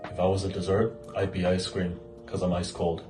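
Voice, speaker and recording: A twenty-year-old man introduces himself with cool deadpan delivery. His voice is very deep and flat, and it sits in a roomy, echoing space. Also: brisk, loud music behind the voice. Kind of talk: casual self-introduction. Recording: roomy echo.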